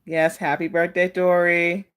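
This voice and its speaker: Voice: medium pitch, level tone, a little slow, fairly bright tone, clear, resonant tone. A fortune teller of unclear sex giving a casual live oracle card reading, addressing people by name and reflecting on each message.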